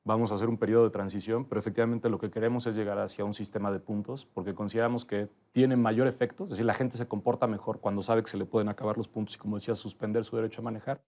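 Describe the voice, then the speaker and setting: A man, a guest in an interview, explaining transport policy in a steady, methodical way. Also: fairly low pitch, racing, hardly any pauses. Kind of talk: interview answers.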